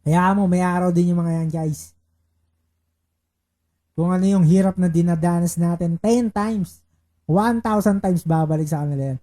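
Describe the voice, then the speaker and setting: A male live-streamer with a warm, mellow tone that stays relaxed. He talks in a loose, casual way as he plays, reads out viewer shoutouts, and rattles off repeated betting calls. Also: sits high, normal speed, pauses often. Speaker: livestreaming baccarat player.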